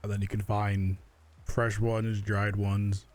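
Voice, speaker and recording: A man chatting casually as a fellow player in a survival game, explaining things in a relaxed way with filler words. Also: fairly low pitch, takes it slowly. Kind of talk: casual gaming chat.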